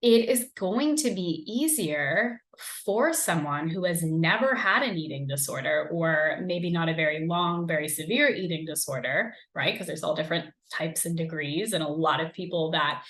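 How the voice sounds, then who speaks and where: A woman's voice: low-pitched, normal speed, hardly any pauses, a bit bright, poor audio. A young woman, hosting a podcast and talking casually as a recovery coach, with plenty of "like" and "um". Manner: casual, conversational, frequent "like" and "um". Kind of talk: solo podcast talk.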